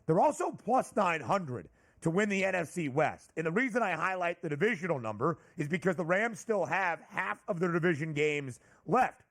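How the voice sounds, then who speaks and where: Man, high voice, sports betting host, brisk, numbers-heavy analysis. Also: a bit bright.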